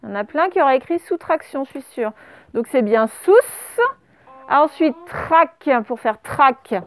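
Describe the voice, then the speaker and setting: Slow, careful French schoolteacher woman. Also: sits high, animated. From France. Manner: slow, deliberate, spells out letters and syllables. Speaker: primary school teacher. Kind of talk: dictation and spelling lesson.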